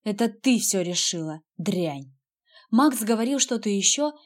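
A woman's voice: fairly high pitch, darkish tone. A woman narrating a first-person audiobook in a tense, fearful storytelling manner.

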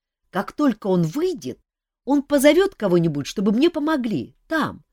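A woman voicing a gruff adult male hero who grumbles and answers with curt sarcasm. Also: on the high side, very animated, moderate pace, a little mellow, no echo, studio quality, pitched above the performer's own voice. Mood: grumbling.

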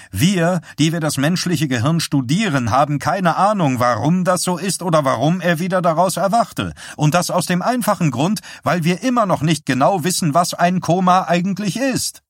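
A man voicing a commanding middle-aged male neurologist who speaks up high and forcefully. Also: dry recording, studio quality. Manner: shouting, high and sharp.

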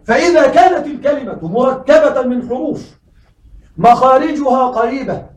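A man teaching a classroom lesson. He keeps asking his students questions and says words slowly, over and over. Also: very high-pitched, animated, echoey room, distant mic, rough recording.

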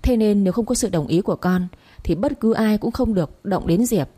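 A woman's voice: medium pitch, fairly quick, warm tone, no echo, lightly acted. A woman voicing a frail, sickly young man who speaks up firmly.

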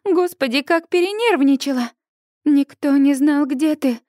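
A woman reading an audiobook, voicing an emotional young woman friend who calls out in a shrill, breathless voice. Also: measured pace, dark tone, no room sound, clean studio sound. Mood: tearful, relieved.

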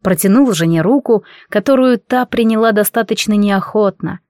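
A woman reading a novel aloud as an audiobook narrator, in an even, measured way. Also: medium pitch, dry recording, studio quality. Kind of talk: scripted narration.

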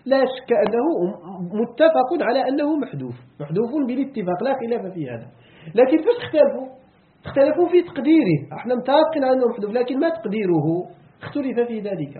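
Moroccan man lecturing on scripture, animated quick delivery, tinny phone-like sound. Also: very high voice, a little hiss or hum. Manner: explanatory, repeats key words, asks students questions. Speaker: Islamic scholar teaching Quran commentary. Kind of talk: lecture explaining a text.

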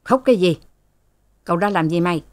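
A woman's voice: lowish voice, expressive, normal speed, a little mellow, natural voice. A woman voicing a bossy, harsh rich mistress who scolds her servants in a haughty manner, in a storybook reading. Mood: scolding.

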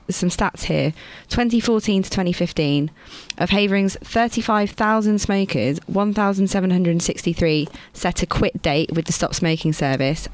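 A woman's voice: lowish voice, dry recording. A woman arguing earnestly in a studio discussion and reading out statistics. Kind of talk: casual studio debate.

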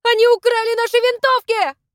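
A woman's voice: very high voice, level tone, a little fast, no echo, studio quality, voice pushed up. A woman reading voicing a frightened young woman who cries out in alarm. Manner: desperate shouting.

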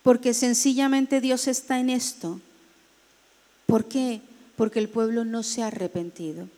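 A woman pastor teaches a Bible class, her fairly high voice measured and emphatic. She slows down to spell out names and stresses key points. A long reverb trails behind her, as in a large hall. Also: steady tone, mellow.

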